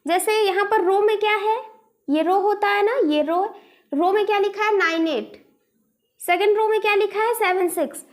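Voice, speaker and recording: A woman's voice: extremely high pitch, normal speed. A woman teaching a maths lesson online in a patient manner, explaining each step and asking rhetorical questions as she goes.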